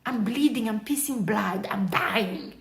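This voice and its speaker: A woman voicing her panicked, tearful twelve-year-old self, pleading high and frantic. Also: a little slow, creaky, roomy sound, noisy background.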